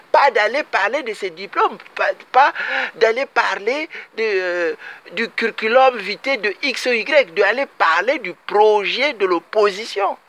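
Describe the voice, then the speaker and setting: A man's voice: sits high, a bit bright. A man from Congo-Brazzaville giving an emphatic political commentary monologue, repeating his points and addressing his compatriots directly.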